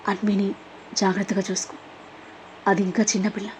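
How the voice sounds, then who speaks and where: A man's voice: sits high, level tone, a little fast, a little hiss or hum, natural voice. A woman voicing a dying elderly father who pleads faintly and weakly. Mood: faint pleading. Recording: dull lo-fi recording.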